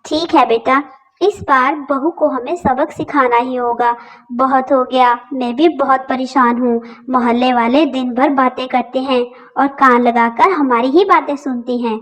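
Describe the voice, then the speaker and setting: A woman voicing a tired older mother-in-law who begs the family to keep quiet. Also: high-pitched, fairly even intonation, unhurried, rough recording. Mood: weary. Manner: pleading, hushing.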